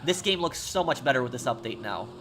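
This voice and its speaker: A man casually commentating on a game he is livestreaming and chatting with viewers, halting and repeating words as he goes. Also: medium pitch, expressive, background noise. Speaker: livestreamer playing a video game. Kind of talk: casual game stream commentary, reading and answering chat.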